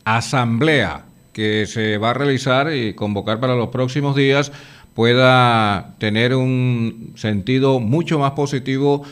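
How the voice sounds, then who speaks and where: Male radio interviewer with halting questions. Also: mid-range voice, smooth. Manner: long, halting questions with fillers.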